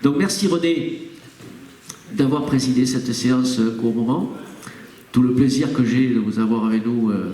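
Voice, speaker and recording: A man serving as mayor, addressing a town council meeting and reading out a formal charter, speaking hesitantly with frequent pauses and restarts. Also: mid-range voice, warm tone, slight background noise. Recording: echoey hall, voice far from the mic.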